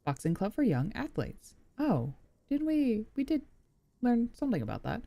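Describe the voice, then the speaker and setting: A woman's voice: a little high, sing-song, moderate pace, vocal fry, mellow, dry recording. A young woman streaming a video game and chatting about it in a playful, self-mocking way, laughing and swearing. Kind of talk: casual gameplay commentary.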